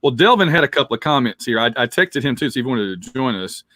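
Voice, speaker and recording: A man's voice: medium pitch, big pitch swings, quick pace, bright, forceful tone, dry recording. A man hosting a casual sports fan show, chatting in a blunt, conversational way. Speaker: sports podcast host.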